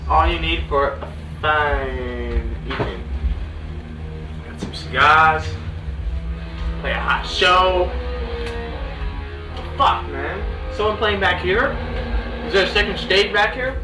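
A man's voice: fairly high pitch, slow, pauses often, echoey room. A man joking and swearing in casual backstage banter, captured on old camcorder audio at a concert venue. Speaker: touring band member backstage. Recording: old camcorder audio, distant mic, loud music.

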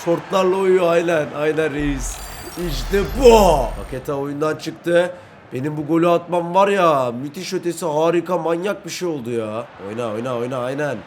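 A young man doing brash, excitable let's-play commentary, talking to himself and his in-game teammates while playing. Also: fairly high pitch, moderate pace, a little hiss or hum. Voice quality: brash, excitable, swings between shouting and muttering. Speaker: gaming YouTuber.

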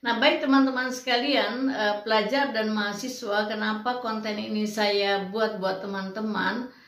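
A woman's voice: medium pitch, steady tone, normal speed, a bit bright. Woman lecturer, distant in a roomy space. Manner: patient, explanatory, with frequent fillers. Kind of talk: educational talk to students.

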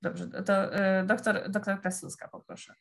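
A woman's voice: medium pitch, flat delivery, moderate pace, gravelly. A woman moderating a panel discussion, politely passing audience questions to the speakers.

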